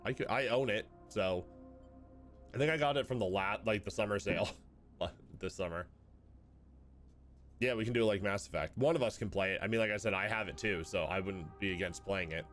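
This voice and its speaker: Hoarse deep-voiced guy streaming, reads the game text out loud, quips in between, faint music behind. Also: a little fast. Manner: wry running commentary between narrated passages. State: hoarse from a sore throat. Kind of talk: reading game text aloud while playing.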